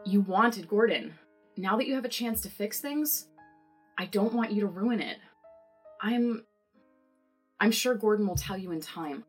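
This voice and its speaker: Casting: earnest, exasperated bookish sidekick, breathy-husky, medium pitch, noir audio drama. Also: female voice, lively intonation, measured pace, long pauses, soft background music. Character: earnest, anxious young librarian sidekick.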